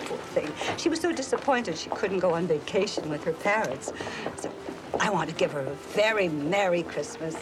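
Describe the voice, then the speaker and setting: A woman's voice: fairly low pitch, expressive, moderate pace, noisy background, lightly acted. An actress playing a sweet, timid older grandmother in a screen drama, hesitant and apologetic in her delivery. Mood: fond. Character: sweet, timid, doting grandmother shopping for a doll.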